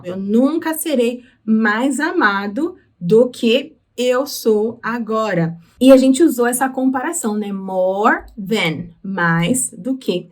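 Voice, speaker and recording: A woman with a Brazilian Portuguese accent teaching English through song lyrics, explaining patiently and slowing down on words. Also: on the high side. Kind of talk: explaining lyrics in a language lesson.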